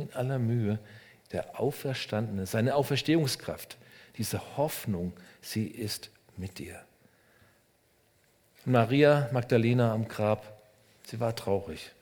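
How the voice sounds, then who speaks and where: A man preaching a sermon in short phrases, speaking straight to the listener and swinging between loud emphasis and hushed, almost whispered lines. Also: mid-range voice, measured pace. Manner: addresses the listener directly and personally. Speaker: pastor.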